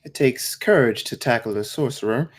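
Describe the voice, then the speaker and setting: Lightly acting at a medium pitch, a man reads the part of a female undead necromancer, cool and assured in mood. The character comes across as refined and unhurried, archly polite yet casually menacing.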